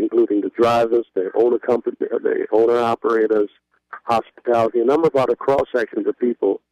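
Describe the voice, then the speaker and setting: A man's voice: medium pitch, warm tone, no room sound. A man who manages a cab company speaks firmly and critically in a phone interview, stacking his points in lists, heard over a poor-quality phone line. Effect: poor-quality phone line audio. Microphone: cell phone. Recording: dull, dry phone-line audio.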